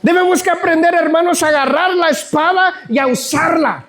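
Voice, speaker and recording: A man's voice: very high-pitched, brisk, fairly bright tone. A man preaching a sermon fervently, often calling out to the congregation as brothers.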